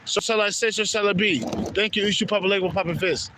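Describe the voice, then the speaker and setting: Man, high pitch, faint background noise, casual spiritual vlog, rambling, swears a lot, repeats himself. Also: fast. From Haiti. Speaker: spiritual vlogger.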